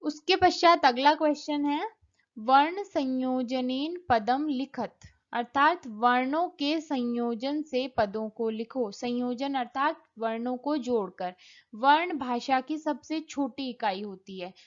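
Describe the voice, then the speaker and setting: A woman walks students through a Sanskrit lesson at a very slow, deliberate pace, spelling words out sound by sound. Her voice sits a little high. The recording is dull and lo-fi. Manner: spells words out letter by letter, gives Hindi and English meanings. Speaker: Sanskrit teacher. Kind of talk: slow, explanatory classroom lesson.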